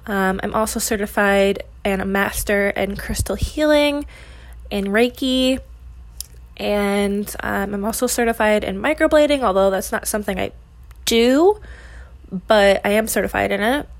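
A woman's voice: medium pitch, no room sound. Woman with a slight sibilant lisp. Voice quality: slight lisp with drawn-out, strong S sounds; slightly slurred articulation. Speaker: podcast host and esthetician. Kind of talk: casual solo podcast introduction.

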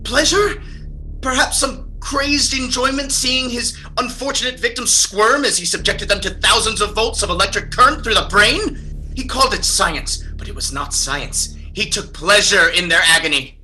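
A man's voice: on the high side, moderate pace, sharp tone, soft background music, poor audio. An actor playing an agitated young man bound in a straitjacket, insisting he is sane in strained, formal period speech, in a dramatic audio drama. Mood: distraught.

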